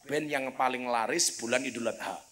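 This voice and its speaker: A man's voice: medium pitch, normal speed, fairly bright tone. A man preaching a humorous sermon, telling stories and breaking into chanted Arabic recitation.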